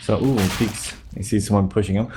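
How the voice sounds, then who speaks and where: The narrator is a man with a cold-sounding, slightly nasal voice pitched on the low side, speaking a little fast. As a YouTube host reviewing gameplay, he offers laid-back play-by-play commentary.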